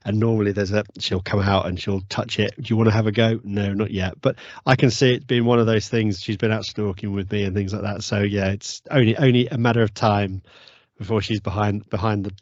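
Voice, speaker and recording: Man, low voice, dry muffled sound. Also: steady tone, dry recording. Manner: halting, repeats words as he talks. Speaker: podcast host. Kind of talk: casual interview chat.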